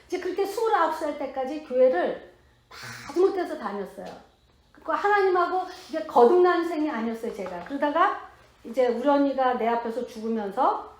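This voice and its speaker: A Korean woman pastor around fifty, giving her testimony in a sermon with animated, emphatic storytelling and blunt everyday speech. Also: high voice, normal speed. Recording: very echoey hall.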